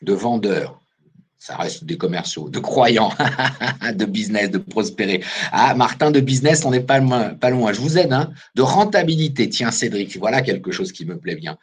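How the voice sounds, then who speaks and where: Husky, lively French man presenting a webinar. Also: lowish voice, moderate pace. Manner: animated, addresses listeners directly with questions. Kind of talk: lively business webinar talk.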